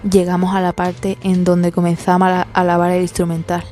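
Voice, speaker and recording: A woman reads a first-person horror story in a dark, mellow tone, her low voice barely rising or falling. She keeps a slow, measured pace and pauses with hesitant "mm"s. Faint music plays behind her. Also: completely flat delivery.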